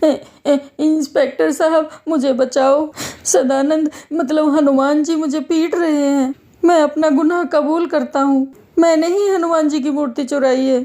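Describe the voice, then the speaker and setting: A greedy village thief, as a woman puts him on, yelping and begging in a high, frantic voice. Mellow tone under it, sharp rises in pitch. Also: animated, unhurried. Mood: panicked. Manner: panicky, shrill pleading.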